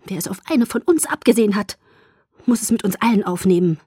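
A woman voicing a cheerful, teasing young female vampire in an audiobook, with a raised, bubbly voice and a breathy tone. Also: mid-range voice, expressive, a little fast, mellow, no room sound, clean studio sound. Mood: grim. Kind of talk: audiobook character voice.

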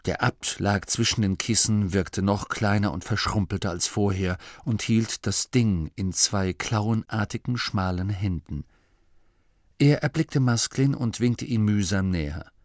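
A man narrating a storybook in a measured, expressive manner. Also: on the low side, no room sound. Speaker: audiobook narrator. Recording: dry, close studio voice.

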